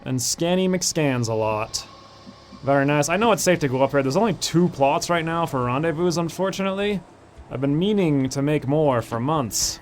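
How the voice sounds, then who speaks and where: A man's voice: a little high, moderate pace, slight background noise. A man hosting a let's play, talking casually through his gameplay and thinking aloud with frequent fillers. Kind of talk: gameplay commentary.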